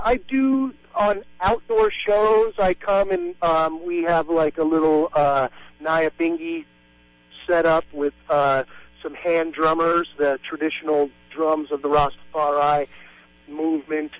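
A man's voice: fairly high pitch, no echo. A man calling in to a radio show over the phone, talking hesitantly with many fillers and restarts. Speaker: radio call-in caller. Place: Hawaii. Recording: muffled phone line.

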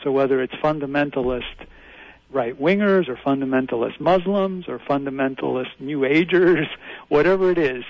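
Gravelly man calling in over the phone. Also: medium pitch, normal speed, dry recording. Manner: earnest, insistent, explaining a theory. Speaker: radio call-in caller. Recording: dry, muffled phone line.

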